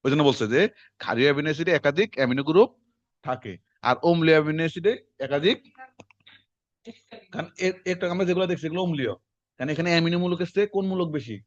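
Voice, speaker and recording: A man, teaching a class in quick, conversational lecture style and quizzing his students as he goes. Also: a little high, no room sound. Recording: dull lo-fi classroom recording.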